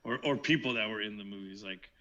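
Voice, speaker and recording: A man in a casual podcast chat, telling jokes and telling stories in an animated way. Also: on the low side, fast talker, highs cut off. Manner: joking, animated storyteller. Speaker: podcast co-host.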